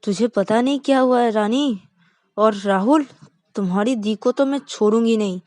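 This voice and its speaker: A woman voicing a furious, bossy young wife in a narrated story, scolding in shrill outbursts. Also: normal speed, warm tone, dry recording, close to an everyday voice.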